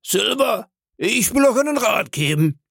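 A man's voice: high-pitched, big pitch swings, measured pace, gravelly, darkish tone, slightly rough, no echo, clean studio sound, pitched above the performer's own voice, exaggerated voice. A man voicing an earnest, fatherly middle-aged ship's doctor who scolds and urges in an audiobook reading.

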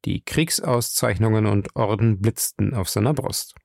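A man narrating an audiobook in a steady storytelling manner. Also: on the low side, a little slow, vocal fry, no echo, studio quality. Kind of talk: scripted narration.

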